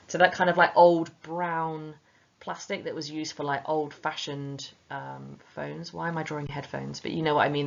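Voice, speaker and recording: A woman with a low, gravelly voice talks through a revision lesson in a chatty, informal way, speaking right to her students. The recording sounds a little dull and lo-fi. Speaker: teacher.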